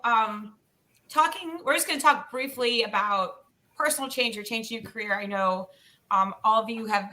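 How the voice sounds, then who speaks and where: A woman hosts a casual panel, talking in a chatty, candid way with frequent laughter. Her voice is bright and crisp. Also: medium pitch. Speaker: panel host.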